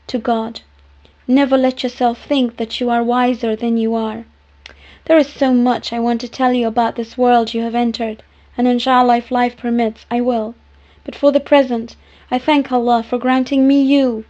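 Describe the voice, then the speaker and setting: A woman reading heartfelt letters aloud in a tender, unhurried way. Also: a little high, dark tone. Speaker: reader of letters. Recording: dull lo-fi recording.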